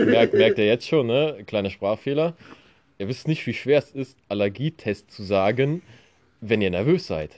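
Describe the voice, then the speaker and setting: A man's voice: on the low side, a little mellow, no room sound. A young man co-hosting a podcast, chatting casually and addressing the listeners directly. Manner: talks straight to listeners. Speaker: podcast co-host. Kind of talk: casual chat.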